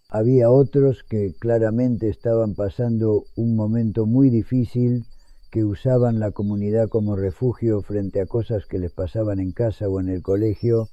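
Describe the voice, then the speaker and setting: An elderly man around a hundred years old narrates a scripted, reflective story in a solemn, measured manner. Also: lowish voice, mellow, no echo, highs cut off. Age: 100. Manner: solemn, measured, literary phrasing.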